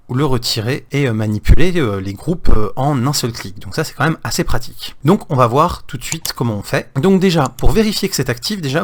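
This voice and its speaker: A man with a French accent walking viewers through a browser feature in a casual screen-recorded tutorial, with frequent fillers. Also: medium pitch. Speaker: tech YouTuber.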